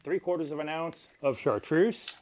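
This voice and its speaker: A man hosting a cocktail tutorial, explaining each step in a measured, instructional way. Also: a little high, darkish tone. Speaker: cocktail channel host. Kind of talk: cocktail recipe tutorial presentation.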